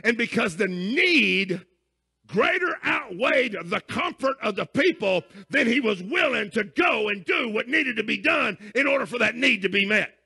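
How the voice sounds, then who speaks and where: A man's voice: extremely high pitch, expressive, unhurried, gravelly, pushed and bright, slightly rough. A man preaching a sermon as pastor, emphatic and folksy, often checking in with his listeners.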